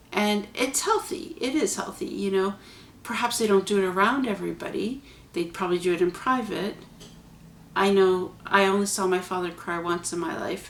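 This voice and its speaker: A woman's voice: mid-range voice, gravelly, slight background noise. Earnest woman vlogger in an echoey room. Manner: conversational, earnest, chatty asides. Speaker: vlog host. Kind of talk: casual spoken reflection to camera.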